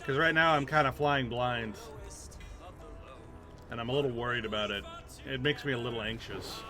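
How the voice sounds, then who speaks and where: A man's voice: medium pitch, normal speed. A man giving casual, chatty gameplay commentary as a streamer, with wry muttered asides to himself. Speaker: game streamer. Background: video game music.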